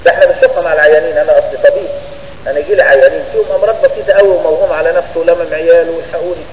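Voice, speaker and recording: In a slightly high, a little mellow voice with fairly even intonation, a man with an Egyptian Arabic accent rattles off a colloquial religious lesson, repeatedly asking whether listeners understood in a conversational manner. He's a religious teacher, recorded reverberantly in a large hall with dull audio and a little hiss or hum.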